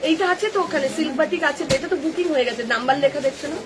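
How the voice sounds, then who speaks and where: A woman with a Kolkata Bengali accent, selling clothes on a live stream, brisk and chatty as she reels off sizes and prices. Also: sits high, crowd noise, low-quality recording. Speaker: online kurti seller. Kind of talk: live-stream sales pitch. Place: clothing shop.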